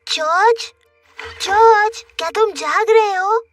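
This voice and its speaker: A performer voicing a cheerful, playful little girl piglet in a children's cartoon, childlike and excitable. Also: very high-pitched, takes it slowly, distant mic, soft background music, exaggerated voice. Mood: sweet. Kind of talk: children's cartoon dub in Hindi.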